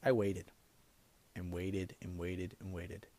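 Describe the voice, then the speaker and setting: A young man telling a comic personal story in an animated way, now and then breaking into laughter. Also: low voice, slow pace.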